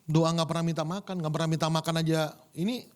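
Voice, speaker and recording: A man preaching a sermon in a lively, conversational way, joking, asking the congregation rhetorical questions and addressing them directly. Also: on the high side, fast talker, clear, resonant tone.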